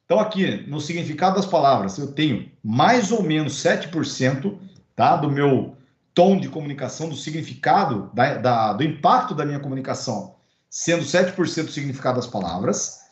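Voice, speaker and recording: A man's voice: a little high, animated, a little fast. A man with a Brazilian Portuguese accent giving an online lecture as course instructor, conversational with many fillers and checking tags. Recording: roomy, dull recording.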